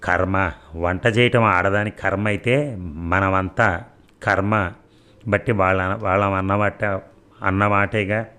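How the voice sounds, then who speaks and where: A man reading the part of a calm but firm middle-aged aunt who reasons and reproves. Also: low voice, slow pace, pauses often, clean tone, heavily acted. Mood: reasoning.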